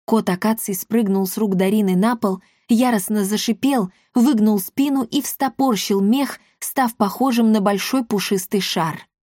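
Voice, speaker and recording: Brief: woman audiobook reader, mid pitch, dry studio sound. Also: moderate pace, hardly any pauses, a little mellow, no echo. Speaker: audiobook narrator. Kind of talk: scripted narration.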